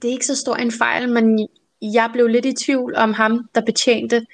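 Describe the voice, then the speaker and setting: A Danish woman co-hosting a podcast, telling stories in a casual, animated way and laughing often. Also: fairly high pitch, vocal fry. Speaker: podcast co-host. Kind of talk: casual conversational storytelling.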